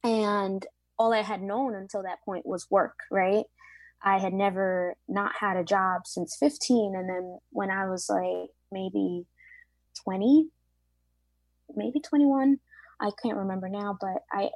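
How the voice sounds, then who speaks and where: Poor audio captures a pastry chef in her late twenties being interviewed, her mid-range voice measured and fairly even with no echo. She speaks earnestly and reflectively, with many fillers.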